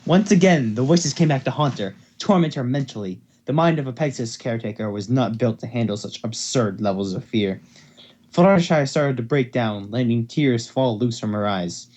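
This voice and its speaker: Here a man hosts a casual fan fiction reading, now and then stumbling as he goes, in a medium-pitched, somewhat dark voice at a moderate pace. The amateur dramatic reading was recorded on a dull lo-fi home mic.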